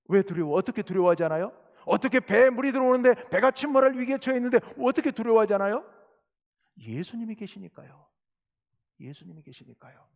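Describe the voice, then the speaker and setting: A man preaching from the pulpit, his voice riding high and swinging widely as he questions and exhorts his congregation. The sound carries a long reverb from the church sanctuary. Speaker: pastor. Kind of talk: sermon.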